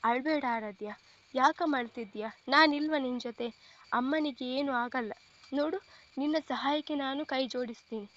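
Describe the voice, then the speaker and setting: A woman voicing a caring young man who plays a protective elder brother, speaking gently and reassuringly, in a storybook reading. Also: sits high, normal speed, highs cut off.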